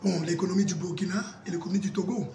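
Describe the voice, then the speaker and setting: A high-pitched man delivers political commentary. His manner is emphatic and oratorical, leaning on repeated phrases. The recording is roomy and echoing, with clear background noise. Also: steady tone, rapid-fire, warm tone. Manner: emphatic, oratorical, with repetition and proverbs.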